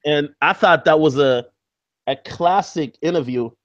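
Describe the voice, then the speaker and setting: A man's voice: fairly high pitch, no echo. Guy hosting a stream over a choppy bad connection, muffled lo-fi laptop call, lots of ums and restarts. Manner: halting, with many fillers and restarts. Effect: lo-fi, choppy call audio over a bad connection. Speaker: interviewer hosting a live stream. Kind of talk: casual live-stream interview. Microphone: video call from a backup laptop.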